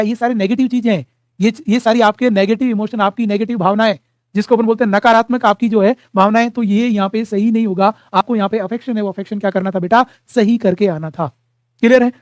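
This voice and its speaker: A man's voice: sits high, dry recording. A male nursing exam teacher gives a classroom lecture, calls his students "beta", keeps saying "remember this" and quizzes them with rhetorical questions. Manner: addresses students as "beta", repeats "dhyan rakhna".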